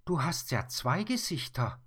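A man voicing a cross, moody little girl in a children's story, in a high, squealing child's voice. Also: lively intonation, takes it slowly, husky, exaggerated voice. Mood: delighted.

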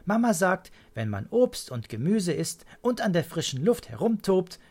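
A man's voice: high voice, very animated, moderate pace, a little mellow, voice pushed up, heavily acted. A man doing a curious little boy. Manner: curious, eager questions. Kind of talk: storybook reading.

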